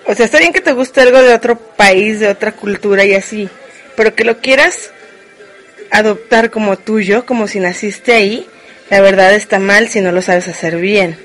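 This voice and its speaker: A woman's voice: mid-range voice, moderate pace, faint music behind. A woman from Mexico with a Mexican accent, talking in a blunt, slangy casual rant full of fillers and swearing. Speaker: vlogger. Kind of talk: casual ranting monologue.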